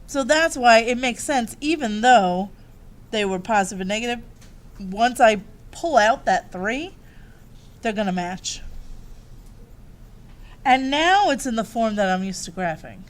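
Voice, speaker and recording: A woman's voice: fairly high pitch, expressive, unhurried, pauses often. A woman teaching a math lesson, upbeat and walking the class through each step.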